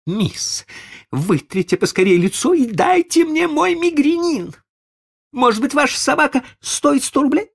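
Man reading as a rich lady, high falsetto shrieking, haughty and hysterical, storybook. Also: big pitch swings, a little slow, creaky, exaggerated voice. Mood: hysterical demanding. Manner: screeching, commanding.

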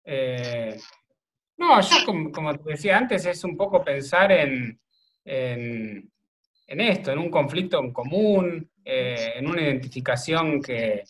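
Argentine guy chatting in an interview, kinda high voice, thinks out loud, lots of "bueno" and "no sé". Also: lively intonation, slow. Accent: Argentine Spanish. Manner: rambling, thinks aloud with many fillers. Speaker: video maker and editor, interview guest. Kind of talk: casual remote interview conversation.

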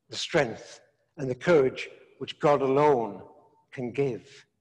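An older man, a priest, preaching a sermon in slow, measured phrases with long pauses, recorded in a large stone church. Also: on the high side. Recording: echoey church from a distance.

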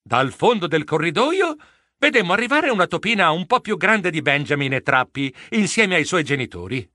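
A man narrating a children's audio story in first person, expressive and animated. His voice is bright and a little high, with wide pitch swings, in a dry studio sound. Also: normal speed, dry recording.

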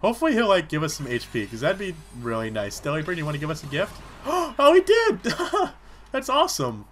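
This let's-play commentator, a young man nursing a sore throat, talks between battles in a rambling, chatty stream loaded with fillers. His voice is a little high with huge pitch swings, his pace brisk, and a little hiss or hum sits in the audio.

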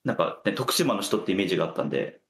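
A man co-hosting, chiming in with quick, curious questions in casual chat. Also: low voice, lively intonation, gravelly, fairly bright tone, roomy sound. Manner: quick, inquisitive interjections.

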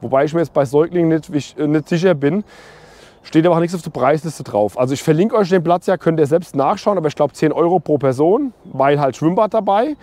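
A man in his forties talks straight to viewers on a close clip mic while he walks a campground outdoors. His voice sits a little high for a man, and the sound is dry and close. He is chatty and opinionated. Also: a little fast, dark tone, no echo. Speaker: camping vlogger. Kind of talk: casual walk-and-talk review. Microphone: small clip mic on hoodie, camera held at arm's length.

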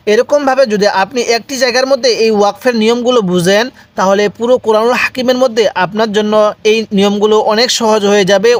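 A man teaching Quran recitation step by step, spelling out letters and vowel marks, then reciting slowly and asking viewers to repeat after him. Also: high voice. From Bangladesh. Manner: asks viewers questions, then answers them himself.

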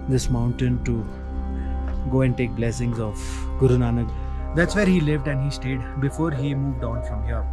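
Out in the windy mountains, a man with an Indian English accent and a mid-range voice narrates his travel vlog, eagerly suggesting places for viewers to visit. Music plays in the background, and the recording is rough.

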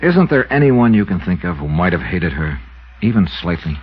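In a dull, noisy old radio recording, a man plays a cool, probing American insurance investigator from a 1950s drama. His low voice swings widely in pitch at normal speed, and his manner is dry and clipped.

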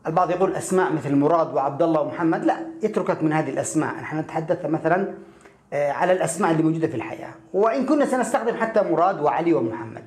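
A man teaching a lesson with an explanatory, animated delivery and frequent rhetorical questions. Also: fairly high pitch, rapid-fire. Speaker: English teacher. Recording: echoey room.

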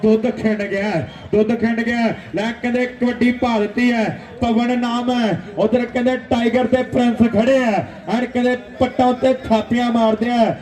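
Male folk-style sports commentator, high-pitched and fairly even in tone, playful verse, heard from far off. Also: moderate pace. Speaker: kabaddi commentator. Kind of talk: folksy rhyming live commentary. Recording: echoey outdoor PA, distant mic.

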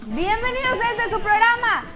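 A woman's voice: very high voice, animated, normal speed. A young woman hosting a TV music show, teasing and playful in studio banter. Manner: playful, teasing, laughs often. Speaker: TV show host. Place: TV studio set. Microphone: lapel mic.

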